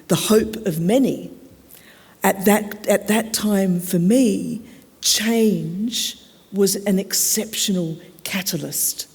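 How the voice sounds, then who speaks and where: Australian woman, keynote storyteller, mellow and husky, echoey hall. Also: mid-range voice. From South Australia. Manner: reflective, measured, with dramatic pauses. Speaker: keynote speaker. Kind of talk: personal storytelling talk.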